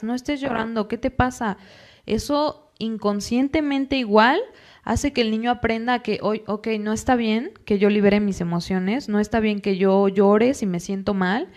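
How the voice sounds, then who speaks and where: A woman, a psychologist guest in a podcast interview, explaining calmly and acting out short quoted asides. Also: mid-range voice. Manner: calm, explanatory, acts out parents and children in quick quoted asides.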